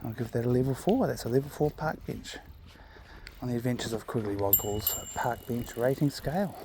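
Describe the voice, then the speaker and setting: Easygoing Kiwi bloke with a broad accent, outdoors. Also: male voice, medium pitch, a little fast, dark tone. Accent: broad New Zealand. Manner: easygoing, rambling, slangy. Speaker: vlog host. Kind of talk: casual chatty vlog, talking to his dog. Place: outdoors on a walk. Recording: outdoor ambient noise.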